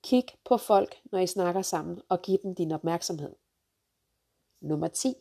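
Woman, vlog rant, sarcastic, blunt, swearing, husky, mellow tone. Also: fairly low pitch. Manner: jumps to sharp loud outbursts. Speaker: vlogger, mother. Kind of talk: ranting countdown list of pet peeves.

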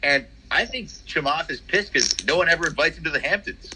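A young man co-hosting a casual podcast, opinionated and quick to agree, with plenty of fillers. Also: on the high side, animated, noisy background. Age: young adult. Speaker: podcast co-host. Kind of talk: casual chat.

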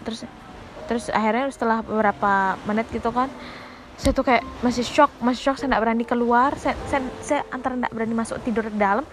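A woman telling a true personal story in a casual, hesitant way, often restarting and repeating herself, moving between hushed tension and loud outbursts. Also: fairly high pitch, fairly even intonation, fairly quick, a little hiss or hum.

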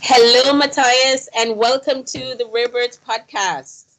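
A woman hosting a podcast, introducing the show and interviewing a guest in a measured, deliberate way. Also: a little high, steady tone, fairly bright tone. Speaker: podcast host.

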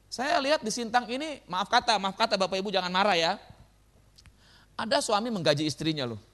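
A man preaching a sermon as pastor, lively and joking with his congregation in a church. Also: high voice, brisk.

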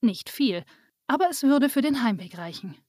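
Woman reading a kids story, high voice, dry close sound. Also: lively intonation, moderate pace, darkish tone, dry recording. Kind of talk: reading a children's story aloud.

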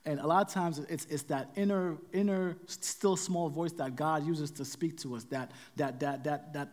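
A man preaching a sermon in a conversational, halting manner, often repeating phrases and adding fillers as he reads scripture. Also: on the high side, fairly even intonation, darkish tone, long reverb tail.

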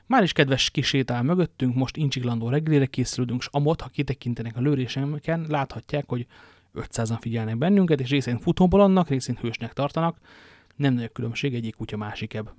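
A man reading as Athos, wry calm musketeer. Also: medium pitch, no room sound, studio quality, lightly acted. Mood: dry calm. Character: calm, wry older male musketeer leader.

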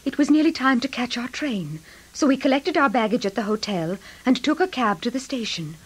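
A woman's voice: fairly high pitch, expressive, a little fast, breathy edge, poor audio. An anxious young wife narrating her diary.

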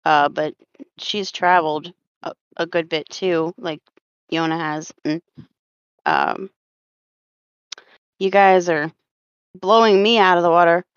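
A woman's voice: fairly low pitch, steady tone, slow, long pauses, clear, resonant tone, no echo. A woman from Florida with a slight Southern drawl, hosting a casual podcast chat, rambling with fillers and frequent laughter. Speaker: podcast host. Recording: dull lo-fi dry sound.

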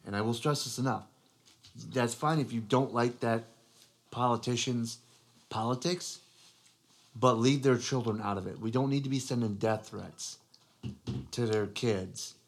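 A man's voice: mid-range voice, a little slow, pauses often. A man co-hosting a podcast, talking in a casual, earnest way, restarting his sentences and often saying "you know". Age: adult father. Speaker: podcast co-host.

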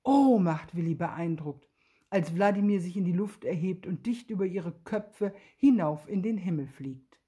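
Woman storyteller for a children's book, husky, lowish voice, gentle and expressive. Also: moderate pace.

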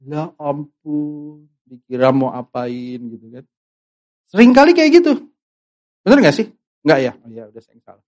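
Lively, conversational male preacher. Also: on the high side, unhurried, pauses often. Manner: animated, acts out voices of worried believers; asks the audience questions directly. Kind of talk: casual conversational sermon.

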